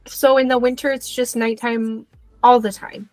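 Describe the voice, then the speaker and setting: A woman's voice: a little high, little pitch movement, normal speed, darkish tone, soft background music. A woman playing a tabletop game, chatting casually in a teasing, playful way. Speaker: player. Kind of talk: casual tabletop role-play.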